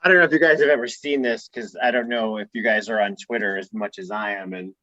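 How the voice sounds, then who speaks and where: A man's voice: fairly low pitch, fairly even intonation, fast talker, pushed and bright, no echo, muffled recording. A man co-hosting a podcast, chatting casually and laughing as he tells a story. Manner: chatty, laughs while telling stories. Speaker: podcast co-host.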